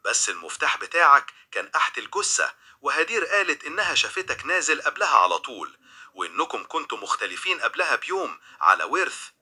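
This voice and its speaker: Mocking male police officer, read by a man, Egyptian accent, bright husky voice. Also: medium pitch, big pitch swings, quick pace, exaggerated voice. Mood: sarcastic. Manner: mocking, interrogating.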